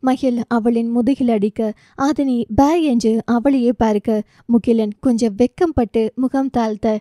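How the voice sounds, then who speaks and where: Dark, mellow woman narrating a novel. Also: fairly high pitch, fairly even intonation, unhurried, dry recording, clean studio sound. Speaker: audiobook narrator.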